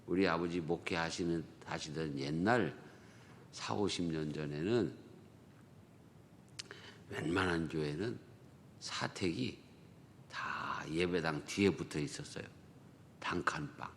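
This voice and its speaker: A deep-voiced man gives a folksy, storytelling sermon. His words ring on in a church hall with a long reverb. A faint hiss sits under the recording. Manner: folksy storytelling, drawn-out phrases. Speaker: pastor. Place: church sanctuary.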